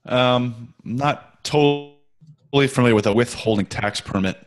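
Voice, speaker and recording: A man serving as a guest expert on sales tax software answers questions over a remote conference call line that keeps cutting out. His medium-pitched explanations are steady but full of pauses and "um"s.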